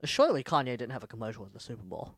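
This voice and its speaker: Male podcast co-host, jokey casual banter, lively pitch, dry recording. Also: very fast, slightly rough, no room sound. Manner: jokey, laughs at his own bits. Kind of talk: casual chat.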